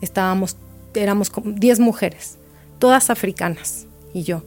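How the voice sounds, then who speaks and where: A woman's voice: mid-range voice, moderate pace, faint music behind. A woman guest in a podcast interview, reflectively telling a personal story and repeating words for emphasis.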